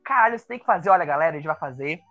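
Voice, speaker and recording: Blunt, bright-voiced co-host. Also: mid-range voice, lively intonation, racing, faint music behind. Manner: blunt, swears, mocking. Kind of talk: casual chat.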